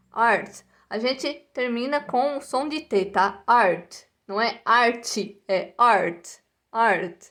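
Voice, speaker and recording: High-voiced teacher drilling pronunciation slowly. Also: female voice. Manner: slow, repetitive pronunciation drills with frequent "tá?" and "né?". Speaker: English teacher. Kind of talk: recorded online lesson for children.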